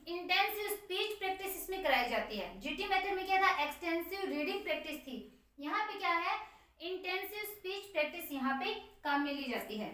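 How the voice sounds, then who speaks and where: High-voiced woman teacher in an echoey room. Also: a bit bright, distant mic. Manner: explains step by step, dictates key points slowly word by word. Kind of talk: exam-prep lecture on teaching methods.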